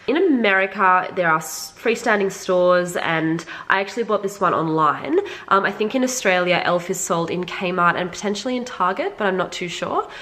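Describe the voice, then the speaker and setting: A woman with a fairly low, bright and forceful voice speaks at normal speed, expressively and with hardly any pauses. Sick with a cold, she sounds congested and slightly nasal as she gives a casual beauty review of makeup, talking straight to her viewers and often saying "like."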